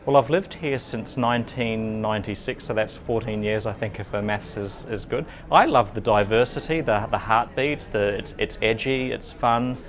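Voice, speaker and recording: A man with a slightly low voice speaks upbeat and lists what he loves about the area. Faint music sits in the background. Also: normal speed, hardly any pauses. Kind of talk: vox pop interview.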